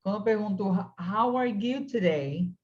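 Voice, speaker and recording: Patient woman teacher on an online class, speaks slowly, muffled call sound. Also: medium pitch, expressive, a little mellow. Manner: patient, models English phrases slowly for students. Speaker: English teacher.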